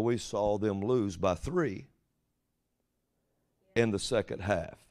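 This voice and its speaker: A man's voice: on the low side, creaky, a little mellow. Folksy male preacher, rambling prophetic sermon. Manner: folksy, rambling, with rhetorical questions.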